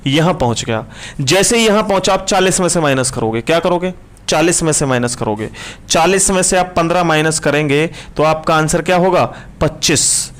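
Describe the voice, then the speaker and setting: Male tutor, fairly high voice, brisk live class, keeps asking students questions. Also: a bit bright. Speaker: reasoning teacher.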